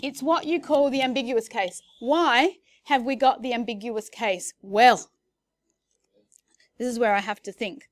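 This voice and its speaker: A woman's voice: on the high side, unhurried, dry recording. Chatty woman teaching maths. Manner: chatty, self-correcting, asks the class questions. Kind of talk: classroom lesson. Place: classroom.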